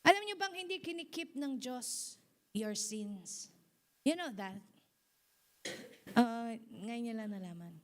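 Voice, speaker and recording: High-voiced woman preaching. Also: takes it slowly, long pauses. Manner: mixes English into her sermon, animated, laughs often; asks the congregation for responses. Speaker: pastor. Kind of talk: sermon.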